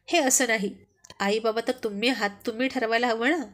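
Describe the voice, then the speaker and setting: A woman's voice: on the high side, a little fast, close to an everyday voice. Woman reading as a teasing young husband. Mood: earnest. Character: teasing young married man, a close friend.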